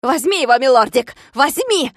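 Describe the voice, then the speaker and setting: A woman gives voice to a bald, rich landowner in a storybook, a man so furious he shrieks, rants, and screeches insulting orders. Her natural, mid-range voice moves at a moderate pace with fairly even intonation. The recording is dry and studio quality.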